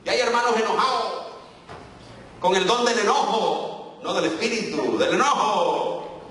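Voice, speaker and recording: In an echoey church sanctuary picked up by a distant mic, with a little hiss or hum, a man from El Salvador delivers a fervent Pentecostal sermon as guest preacher. His Salvadoran Spanish accent comes through in a sharp tone at a slightly slow pace, with sweeping pitch as he calls out to the congregation.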